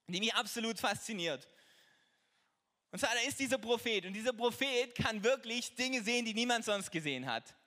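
A man preaching a passionate sermon as pastor, building to loud peaks. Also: extremely high pitch. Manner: passionate preaching that swells louder at climaxes. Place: large church hall. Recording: church hall reverb with music behind. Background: soft instrumental music.

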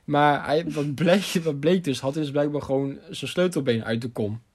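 A young adult man casually telling a funny school story, animated and laughing as he goes, with lots of fillers. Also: on the high side, moderate pace.

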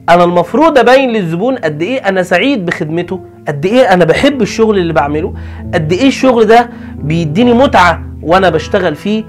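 A man with an Egyptian Arabic accent teaching customer service in a lively way, acting out exchanges with customers. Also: high-pitched. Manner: animated, acts out customer exchanges. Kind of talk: energetic instructional talk.

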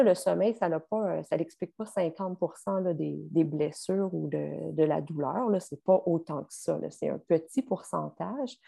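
Québécois woman explaining stuff on a podcast, kinda gravelly, lots of euh. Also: fairly low pitch. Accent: Québécois French. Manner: explanatory, steady, many fillers. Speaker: sleep expert guest. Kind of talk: podcast conversation.

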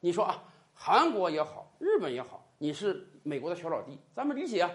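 A political commentator giving opinionated, mocking commentary with sharp sarcasm and emphasis. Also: medium pitch, very animated, brisk.

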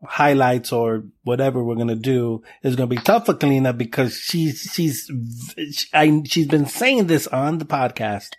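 Steady man hosting a music podcast. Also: mid-range voice, normal speed, hardly any pauses. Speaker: podcast host. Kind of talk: casual podcast chat about music.

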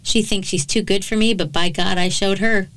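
A woman's voice: medium pitch, fairly even intonation, normal speed, a bit bright, natural voice. A woman reading the lines of a resentful, threatening male criminal in a true crime story, in a coarse manner. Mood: menacing. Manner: coarse, threatening, self-justifying.

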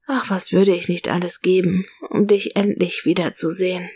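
A lonely young woman who has lost touch with her brother speaks in a soft, quiet, subdued voice, as a woman reading a story puts her on. Her lines are low-key and fragile, close to the storyteller's own voice. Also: flat delivery, normal speed, breathy edge. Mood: wistful murmur.

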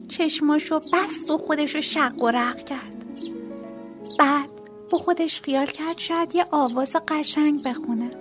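Woman, storyteller, high voice, expressive, children's storybook reading, faint background music.

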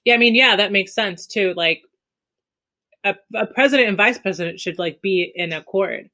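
A woman's voice: mid-range voice, moderate pace, bright, forceful tone. A woman debating casually on a podcast in an informal, skeptical way.

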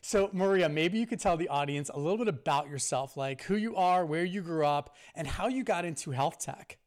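In a casual podcast chat, a male co-host introduces a guest with great enthusiasm, repeatedly calling things "amazing." His voice is a little high, animated, and slightly fast.

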